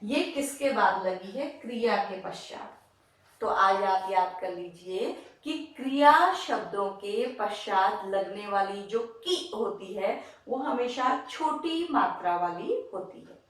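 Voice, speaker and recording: A woman teaching a Hindi lesson to children, explaining slowly and patiently and asking the class questions. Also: mid-range voice, animated, far from the mic. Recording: echoey room, off-mic, faint hiss.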